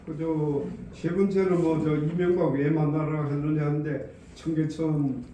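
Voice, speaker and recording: Very mellow-voiced man questioning, heavy echo. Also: a little high, steady tone, unhurried. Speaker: audience questioner. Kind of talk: challenging question at a lecture. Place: large echoey room at a public lecture. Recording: very echoey hall, distant mic, faint noise.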